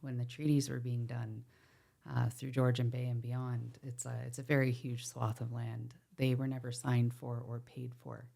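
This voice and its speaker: A woman's voice: very deep voice, flat delivery, moderate pace, creaky, dark tone. A woman from Ontario, a podcast guest talking earnestly and passionately about protecting water, with wry asides. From Ontario, Canada. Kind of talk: podcast conversation. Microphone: podcast mic.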